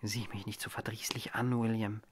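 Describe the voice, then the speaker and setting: A man's voice: on the high side, moderate pace, a little hiss or hum, lightly acted. Man voicing a sweetly menacing widow. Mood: hushed menace. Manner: syrupy baby talk turning to hushed threats. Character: eerily doting middle-aged widow, sweetly menacing. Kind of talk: audiobook character voicing.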